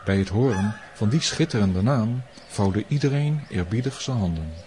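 A man reading a storybook aloud as narrator, in a calm, measured, explanatory way. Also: on the low side, slight background noise.

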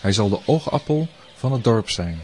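A man voicing a solemn, wise old grey-haired priest in a storybook reading, speaking earnestly and in hushed tones. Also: on the low side, animated, normal speed, a little hiss or hum, close to an everyday voice.

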